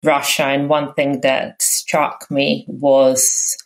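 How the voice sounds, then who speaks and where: A Croatian woman in her fifties, who learned English later in life, shares her background as a guest on a podcast in casual interview-style talk. Her voice is unusually low and gravelly for a woman, and her delivery is flat and slow. Reflective, she pauses frequently, using fillers and restarting sentences.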